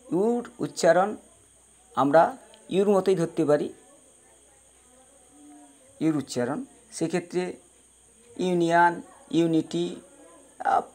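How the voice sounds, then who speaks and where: A male teacher giving a pronunciation lesson, slowly spelling out words and patiently repeating each sound for his students. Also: fairly high pitch, a little mellow. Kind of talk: spoken English pronunciation lesson.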